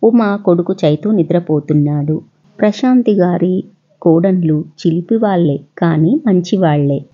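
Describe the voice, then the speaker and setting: Husky woman telling a children's story. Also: lowish voice, a little slow. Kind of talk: scripted narration of a children's story. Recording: dull lo-fi recording.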